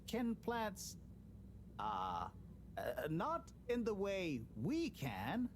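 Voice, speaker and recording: A man's voice: sits high, wildly swooping pitch, very slow, a little hiss or hum, heavily acted. A man playing a nerdy, wry, anxious professor in a video game, with a pedantic manner. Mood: pedantic, self-satisfied. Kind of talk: video game character acting. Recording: music behind the voice.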